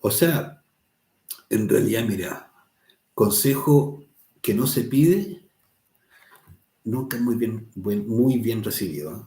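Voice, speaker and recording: A man's voice: fairly low pitch, lively intonation, takes it slowly, long pauses, mellow, echoey room. A man teaching a spiritual lesson, talking conversationally, often tagging "¿cierto?" and quoting people. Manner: conversational, tags "¿cierto?" often, quotes people in little voices. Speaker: course teacher. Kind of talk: spiritual lesson answering a student.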